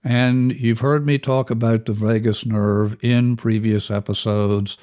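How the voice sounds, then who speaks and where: A man leading a guided breathing lesson as instructor, measured and instructional, counting out each step. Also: mid-range voice, flat delivery, a little mellow. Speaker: relaxation and breathing instructor, host.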